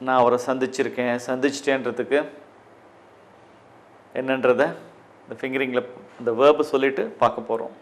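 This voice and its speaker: A man with a Tamil accent teaching an English grammar lesson, drilling phrases one by one in a deliberate way. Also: medium pitch, level tone, a little hiss or hum. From Tamil Nadu, India.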